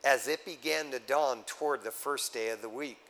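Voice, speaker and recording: In a low-quality recording, a pastor of medium pitch and normal speed delivers a sermon. He explains scripture methodically and keeps his congregation engaged through animated teaching and casual asides.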